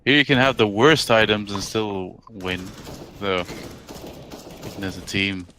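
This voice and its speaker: A man giving casual esports analysis as a co-caster, halting and thinking aloud as he goes. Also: on the low side, noisy background.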